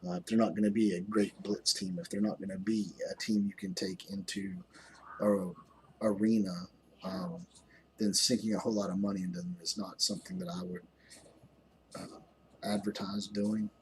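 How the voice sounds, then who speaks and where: A man with a fairly low voice talks through a mobile game as a YouTuber, tired and rambling, pausing on ums and restarting sentences. A faint room hum sits behind him. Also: expressive, gravelly. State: tired, yawning. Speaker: gaming YouTuber. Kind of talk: casual game commentary.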